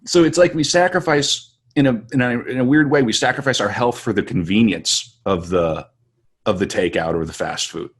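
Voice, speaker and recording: Speaking in a husky, mid-range voice at an unhurried but steady pace, a western North Dakota man hosts his podcast. His talk is casual and meandering, full of reflective musing.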